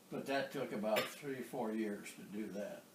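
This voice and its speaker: With a lowish voice, a ninety-something American man who served in the war recalls old memories for an interviewer, faltering with pauses and the odd throat clear. It's an oral history recording made in a roomy space, the mic far off and some background noise present.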